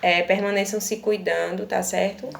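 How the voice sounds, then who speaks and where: Gravelly teacher in an echoey room. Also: female voice, mid-range voice, steady tone, moderate pace. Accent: Brazilian Portuguese. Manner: patient, repeats "tá certo?" to check in with pupils. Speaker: primary school teacher. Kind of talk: recorded video lesson for children. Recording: echoey room with faint ambience.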